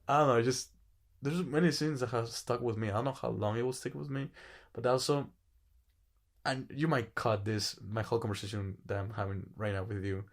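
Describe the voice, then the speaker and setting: A man's voice: mid-range voice, steady tone, brisk. A man co-hosting a film podcast, talking casually and rambling, swearing often and laughing between thoughts. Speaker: podcast co-host. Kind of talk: casual chat.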